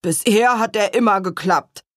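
A woman's voice: mid-range voice, no echo, studio quality, close to an everyday voice. Woman doing a showy magician dad. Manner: slow, grand showman's announcing. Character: boastful cheerful father doing a magic show.

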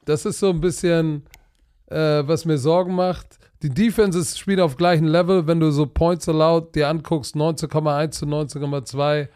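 A tired man with a fairly high voice chats about football picks in a loose podcast. He talks in an animated way, full of wild images and trash talk. The recording is dry and close, with no room sound. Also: moderate pace, smooth, no room sound. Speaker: podcast co-host. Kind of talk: casual sports chat.

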